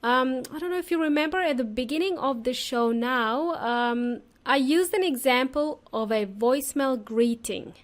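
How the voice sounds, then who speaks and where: With a high voice, a moderate pace and hardly any pauses, she hosts an easygoing English podcast lesson. Her style is chatty and simple, full of repetition and aimed directly at her learners.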